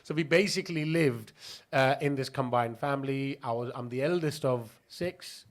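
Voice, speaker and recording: A man's voice: mid-range voice, normal speed. A man from Pakistan telling stories as a podcast guest, chatty and laughing, with many restarts. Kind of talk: casual interview storytelling.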